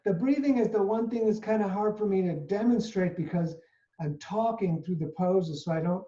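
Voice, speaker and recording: With a mellow, soft-edged mid-range voice at normal speed, a yoga instructor leads a live class in short, steady cues for each pose and breath, sounding a little out of breath. The audio is dull and lo-fi, picked up from far off in an echoey studio room.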